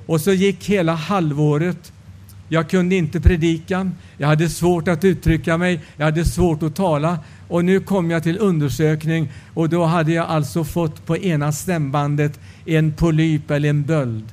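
A man's voice: fairly high pitch, steady tone, a little mellow. A male preacher giving a sermon testimony, telling the story and acting out the dialogue.

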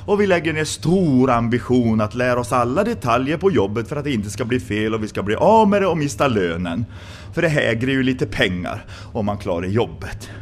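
A man's voice: mid-range voice, lively intonation, slight background noise. A man from Sweden preaching a sermon in a church, with impassioned rhetorical questions that rise to exclamations.

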